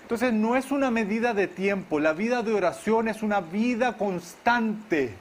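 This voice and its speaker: A man delivers a sermon to his church in a fairly high voice. He speaks straight to the congregation and keeps checking in with them. Faint background noise runs under his preaching. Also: animated, moderate pace. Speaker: pastor. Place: church service.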